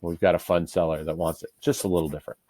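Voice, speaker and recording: A low, dark, level male voice moves rapid-fire through an on-screen software tutorial, with slight noise in the background. The speaker is an American real estate broker who explains each step informally in a casual screen-share.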